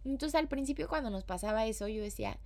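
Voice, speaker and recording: A woman's voice: fairly high pitch, lively intonation, quick pace, a little mellow. A woman with a Mexican accent, hosting a podcast in a chatty, slangy, casual way. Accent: Mexican Spanish. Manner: chatty and slangy, with playful acted-out quotes. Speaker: podcast host.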